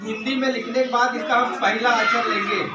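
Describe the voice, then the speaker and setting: High-voiced male teacher in an echoey classroom. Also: steady tone, a little fast, highs cut off. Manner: asks questions and answers them himself; addresses students as beta. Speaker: school English teacher. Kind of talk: classroom grammar lesson. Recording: echoey room from far off, noisy.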